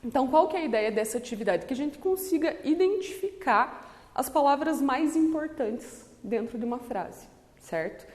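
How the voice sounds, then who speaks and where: Woman teacher, slightly high, lively delivery, reverberant recording. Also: moderate pace. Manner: switches between English and Portuguese, checks in with "okay?". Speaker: English teacher. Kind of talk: classroom lesson explanation. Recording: long reverb.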